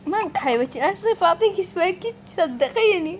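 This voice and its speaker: A woman's voice: very high-pitched, expressive, fast talker, very noisy. A woman voicing family characters in a playful dollhouse game role-play.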